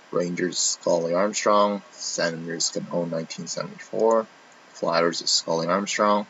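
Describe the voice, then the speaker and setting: A man's voice: low-pitched, a bit bright. A man hosting a live trading-card box break, casually reading out a long list of teams and names, correcting himself often. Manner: reads off a long list of names, with frequent restarts. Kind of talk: casual live-stream commentary. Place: indoor room. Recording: dull lo-fi stream audio with faint noise.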